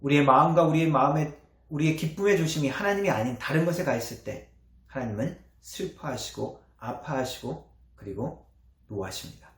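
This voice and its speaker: A man preaching a sermon as pastor, with earnest emphasis and soft trailing endings. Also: fairly high pitch, animated, fairly quick. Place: church sanctuary. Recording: echoey church hall.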